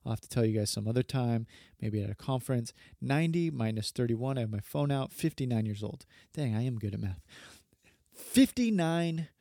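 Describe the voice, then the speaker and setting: A man's voice: medium pitch, creaky, warm tone, no echo, studio quality. A man in his thirties, a pastor hosting a podcast, talking casually in a rambling, earnest way and often correcting himself. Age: 30s.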